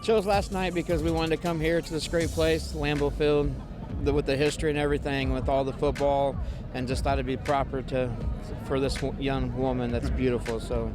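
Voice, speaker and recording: A man, a fan, speaking earnestly and haltingly outdoors in the snow. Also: medium pitch, flat delivery, over music. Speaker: fan interviewed.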